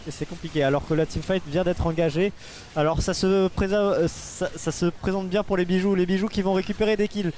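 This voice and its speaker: High-voiced male esports caster, slightly noisy. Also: darkish tone. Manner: hesitant, repeating phrases as he searches for words. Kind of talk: live esports caster analysis and commentary.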